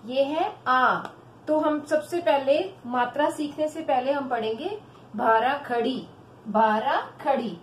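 A woman teacher giving a children's Hindi phonics lesson, drawing syllables out slowly and calling the children "beta". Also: sits high. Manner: slow, drawn-out syllables for children. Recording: echoey room with faint background noise.

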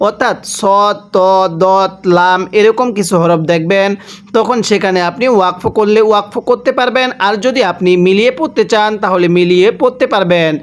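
A man teaching Quran reading, spelling out words and chanting them slowly for the listener to repeat. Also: sits high, smooth. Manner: drawn-out chanted recitation, asks and answers himself. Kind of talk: slow spelled-out recitation lesson.

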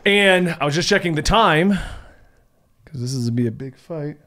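A man's voice: on the high side, animated, moderate pace, bright, forceful tone. A man in his thirties hosting and narrating a tabletop game as game master, in casual banter on a close studio microphone. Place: small studio, indoors. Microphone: close studio microphone on an arm.

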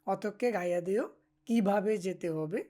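A woman teaching a language lesson, speaking slowly, repeating each example phrase and often checking in with her listeners. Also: medium pitch, mellow.

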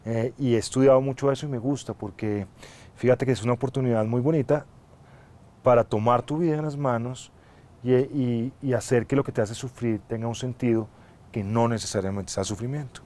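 A middle-aged man, an actor being interviewed on a TV studio set, answering in a reflective, measured and earnest way on a lapel mic. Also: medium pitch, fairly even intonation, mellow. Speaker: actor guest. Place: TV studio set, seated in armchair.

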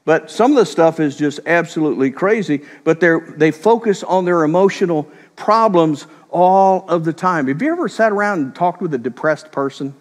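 A middle-aged man preaching a sermon, telling stories in a conversational way and slipping into quick voiced quotes. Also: on the high side, animated, big-room sound. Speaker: pastor.

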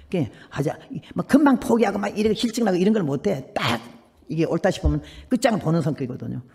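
An older woman missionary tells her testimony to a church in quick, animated bursts and acts out the voices of others. Her words ring out with a long reverb in a large hall. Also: lowish voice, vocal fry, breathy edge. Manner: animated storytelling, acting out voices. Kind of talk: preaching a personal testimony.

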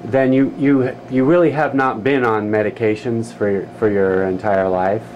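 A man's voice: on the low side, fairly even intonation, moderate pace, darkish tone, highs cut off, slight background noise. A man asking questions as the interviewer in a casual, conversational interview.

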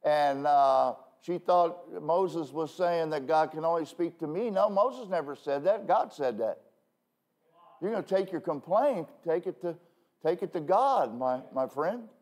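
A man preaching from a church pulpit in a loose, talky style, with a voice pitched a little higher than most men's. He keeps checking in with his listeners and pokes fun at himself along the way. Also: a little mellow. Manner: conversational, self-deprecating asides, frequent "okay?" checks. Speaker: pastor. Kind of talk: sermon.

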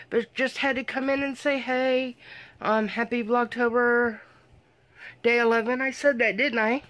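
A woman's voice: fairly high pitch, a bit bright. A tired, sleepy woman vlogging casually from her bedroom at night, rambling with many ums and slightly slurred words. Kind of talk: casual vlog chat.

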